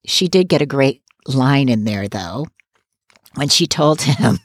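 A woman's voice: rumbling low, slow pace, no echo, clean studio sound. A woman co-hosting a podcast, chatting opinionatedly and laughing as she makes her points. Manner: opinionated, lively, laughs while talking. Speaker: podcast co-host. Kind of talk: casual recap chat.

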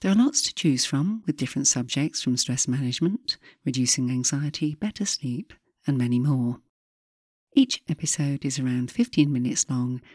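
A woman acting as a hypnotherapist host leads a guided relaxation in a soft, breathy, rumbling low voice. Her delivery is calm, measured and soothing, with frequent pauses, and the clean studio recording has no room sound.

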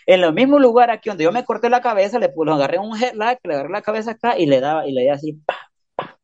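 A man's voice: high-pitched, expressive, fast, darkish tone, muffled recording. A man telling a story in a casual interview, full of slang and sound effects. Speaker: podcast guest, prisoner.

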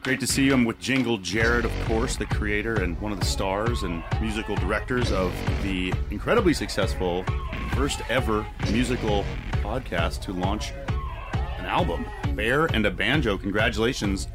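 A man's voice: on the low side, moderate pace, music in the background. A man hosting a podcast, chatting in a casual, jokey and upbeat way. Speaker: podcast host. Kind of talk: casual interview chat.

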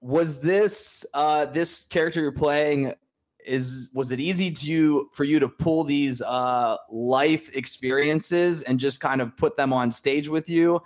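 A man hosting a casual interview, asking halting, friendly questions. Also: a little high. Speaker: podcast host.

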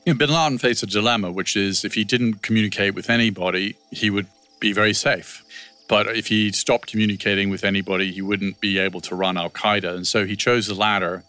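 Bright, low-voiced man explaining in interview. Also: steady tone, fairly quick, soft background music. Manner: conversational, explanatory. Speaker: interviewed expert commentator. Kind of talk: unscripted explanatory interview talk.

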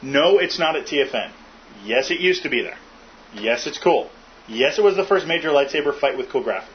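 Guy hosting a fan podcast, a bit high voiced, jokey and rambly, muffled with faint hiss. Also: expressive, fairly quick. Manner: joking, rambling with fillers. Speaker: podcast host. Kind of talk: casual podcast chat.

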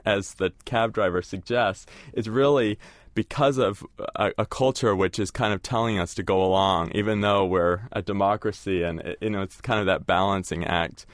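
A man with a low voice who is a co-author and guest on a radio show. He reads a short passage from his book, then talks loosely, with plenty of fillers. The sound is dry and close. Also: dry recording. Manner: casual, many fillers like you know and kind of. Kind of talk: reading from a book, then interview answers.

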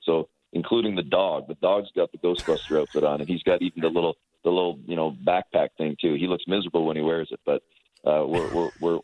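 A man who calls games on the radio, chatting with quick, rambling sentences and stumbling restarts. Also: low-pitched, no room sound. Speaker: team radio play-by-play voice. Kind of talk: casual chat by phone. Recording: tinny phone line.

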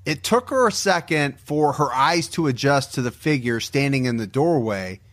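A man co-hosting a podcast, reading a scripted true-crime narration in a measured, grave storytelling manner. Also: medium pitch, expressive. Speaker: podcast co-host.

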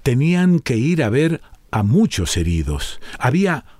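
A man reads a storybook aloud, slow and measured, with a solemn tone. His voice sits at a middling pitch. The recording is dry and close to the mic. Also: big pitch swings, a little mellow, no echo. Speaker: reader. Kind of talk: storybook reading.

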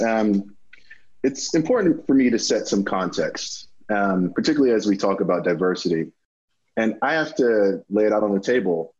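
Male founder, low and husky, deliberate talker, dull lo-fi audio. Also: darkish tone. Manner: deliberate, measured, frequent ums. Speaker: founder and CEO. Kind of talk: video-call interview answers.

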